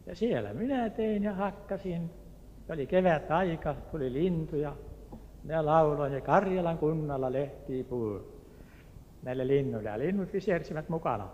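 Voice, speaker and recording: An older man from Turku, Finland, gives an earnest testimony of his personal faith, hesitating at times and acting out quotes. His warm voice sits on the high side, and the recording has a long reverb tail, cut-off highs and a little hiss or hum.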